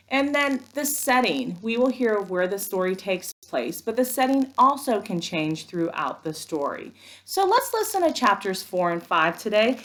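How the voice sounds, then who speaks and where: A woman who teaches first grade gives an expressive, instructive read-aloud lesson for young children. Her voice is lowish.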